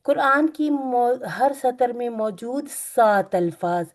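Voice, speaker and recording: A woman's voice: on the high side, expressive, slow. Woman teaching an online class. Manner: gentle, repetitive teaching with religious phrases. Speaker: Quran and Arabic teacher. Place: online video call.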